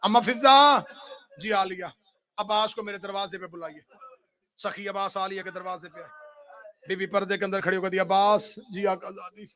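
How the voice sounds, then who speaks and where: A male religious orator giving a mournful sermon, with an impassioned, weeping delivery that swings between a hushed murmur and loud wailing cries. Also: sits high, fairly even intonation, long pauses.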